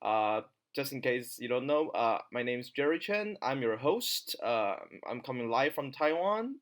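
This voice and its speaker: A man's voice: mid-range voice, animated, measured pace, a bit bright. A man hosting a casual podcast over a remote call, talking hesitantly with many fillers and restarts. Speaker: podcast host.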